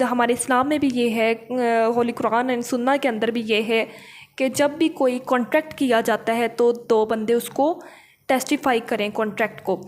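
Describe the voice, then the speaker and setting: Pitched on the high side, the recording carries a little hiss or hum. She's a law teacher giving a didactic, explanatory lecture in which she reads English legal text, explains it, and checks in often with short tag questions.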